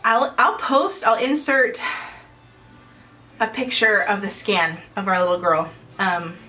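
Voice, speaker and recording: A woman's voice: mid-range voice, slow, bright, forceful tone, poor audio. A young adult woman vlogging at home in casual chat to camera, chatty and rambling with frequent small laughs.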